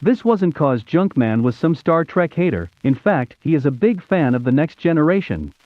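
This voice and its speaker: With a little high, expressive voice at a moderate pace, an American man in his fifties tells a nostalgic story in a scripted storybook manner. He hosts a YouTube show, and the sound is thin and phone-like, narrow-band.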